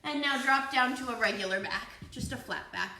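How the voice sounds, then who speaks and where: A young woman leading a children's yoga class, giving playful, encouraging step-by-step cues in a slow, easy rhythm. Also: a little high, vocal fry, recorded from a distance, background noise. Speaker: kids yoga teacher. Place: room with children. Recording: echoey room, voice from afar.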